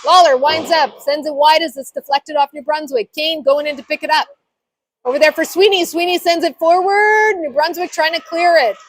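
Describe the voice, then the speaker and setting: A high-voiced woman works as a play-by-play announcer for a live hockey game, calling the action in short, clipped phrases at normal speed.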